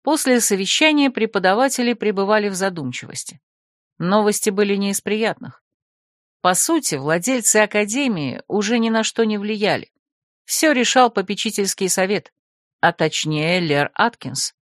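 A woman narrates a fantasy novel in a steady, measured voice at a middle pitch. The sound is dry and close, with no room echo. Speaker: audiobook narrator. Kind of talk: scripted narration.

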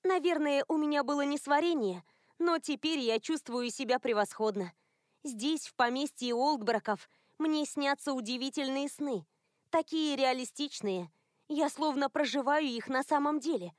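A woman's voice: sits high, normal speed, no echo, studio quality, voice pushed up, close to an everyday voice. A woman doing a naive, easily flustered young woman. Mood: cheerful. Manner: bright, breathless exclamations.

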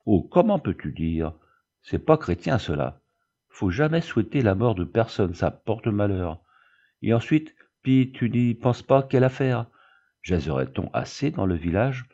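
A man's voice: fairly low pitch, big pitch swings, a little slow, warm tone, muffled recording, exaggerated voice. A man doing an indignant peasant nurse. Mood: fretful. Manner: exclaiming, country speech. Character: indignant, fretful peasant nurse, middle-aged woman.

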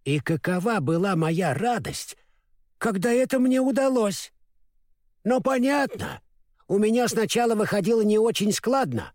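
A naive straw scarecrow, put on by a man reading a storybook aloud, chatters in a high, sing-song voice that leaps all over the place. He stammers and muddles his words, then corrects himself. The sound is dry and close. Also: expressive, a little slow, a little mellow, dry recording. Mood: storytelling. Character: clumsy naive straw scarecrow, male, cheerful.

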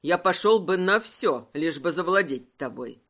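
A woman acting out a self-assured aristocratic earl from a romance audiobook, speaking low and unhurried with a wry, teasing edge. His lively delivery keeps every line measured and controlled. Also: exaggerated voice. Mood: serious.

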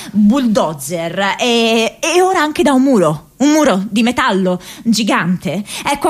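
A woman with a fairly high-pitched voice plays an earnest, troubled young American activist in a radio theatre diary monologue, sounding hesitant and searching for words.

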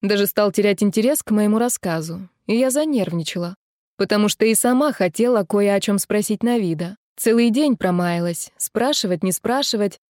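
Female audiobook narrator, lively first-person telling, dry booth. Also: mid-range voice, normal speed, no room sound.

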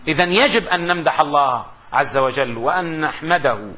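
Man, grammar lecturer, high voice, classroom lecture, rhetorical questions, slow recited examples, dull lo-fi recording. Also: lively intonation, pushed and bright, slight background noise.

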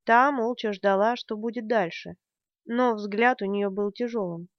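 A woman narrating a novel in a dramatic, expressive reading. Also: medium pitch, measured pace, dry recording, muffled recording. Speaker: audiobook narrator. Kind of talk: scripted narration.

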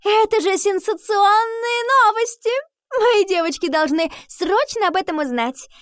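A woman voicing a snide teenage schoolgirl who mocks the heroine in a high, taunting voice, reading an audiobook. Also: unhurried, fairly bright tone, no room sound, clean studio sound. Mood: mocking.

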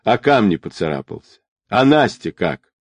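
Earnest young man, read by a male narrator, lively, voice swinging up and down. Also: on the low side, moderate pace, no echo. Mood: urgent. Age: young adult. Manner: urgent, then tender. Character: desperate young man in love.

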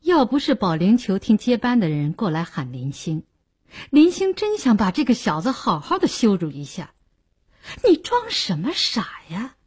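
A woman reads a novel aloud in a measured, expressive storytelling manner. Her voice is slightly husky, and her intonation rises and falls in a lively way. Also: medium pitch. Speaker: narrator. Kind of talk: audiobook narration.

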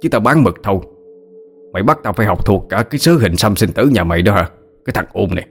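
A man's voice: fairly low pitch, expressive, quick pace. A man voicing a coarse, foul-mouthed old ink dealer who curses and mocks as he talks. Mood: gruff, mocking. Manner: cursing, gruff, mocking.

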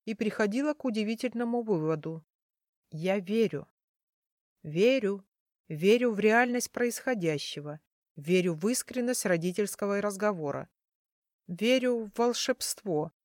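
A woman reading a first-person fantasy story as an audiobook narrator, in a measured storytelling manner. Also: medium pitch, no room sound, clean studio sound.

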